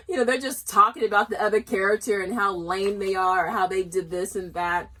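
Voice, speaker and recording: A bright, chatty woman with a fairly high voice gives a casual homeschool book review with read-aloud excerpts. She is enthusiastic, frequently restarting and laughing.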